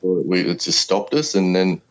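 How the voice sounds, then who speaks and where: Aussie working bloke in his 30s, real low voice, laid-back and colloquial, just telling a yarn. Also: lively intonation, measured pace. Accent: Australian. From Australia. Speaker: podcast guest. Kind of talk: casual first-person storytelling.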